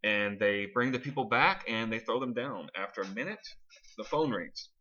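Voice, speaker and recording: Bright-toned man running a tabletop game. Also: lowish voice, expressive. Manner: halting, improvised narration. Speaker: game master. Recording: dull lo-fi recording.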